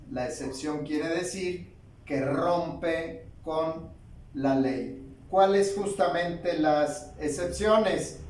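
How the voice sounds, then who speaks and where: Slow, deliberate teacher in an echoey room. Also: male voice, fairly high pitch, a little mellow, a little hiss or hum. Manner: slow, deliberate explanation in short phrases. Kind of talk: spelling lesson. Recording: very echoey room, mic at a distance.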